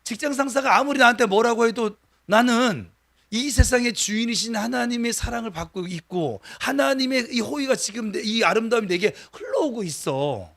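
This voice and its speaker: A man preaching a sermon as pastor, animated and talking straight to the congregation, acting out everyday voices as he goes. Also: very high-pitched, normal speed, vocal fry. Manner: animated, acts out quoted voices, talks to the congregation directly. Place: church sanctuary.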